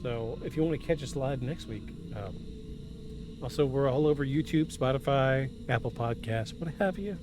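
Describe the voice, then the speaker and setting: Hosting a live podcast from his home over background music, a man speaks at normal speed in a medium-pitched voice with lively intonation. He's effusive, says things twice for emphasis, and mixes scripted narration with casual asides.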